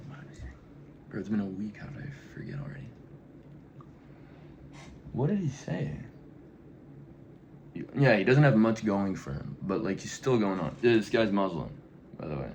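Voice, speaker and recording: A young man talking in a casual, rambling way, full of slang and "you know", often dropping into mumbled, breathy asides. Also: low-pitched, a little mellow, highs cut off, slight background noise. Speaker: vlogger. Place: backyard outdoors.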